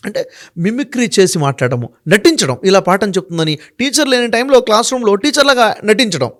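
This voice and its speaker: A man's voice: high-pitched, expressive, fast talker. A man speaking as an interview guest, making emphatic points one by one and putting rhetorical questions to the host. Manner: emphatic, works through numbered points. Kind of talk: explaining in a sit-down interview.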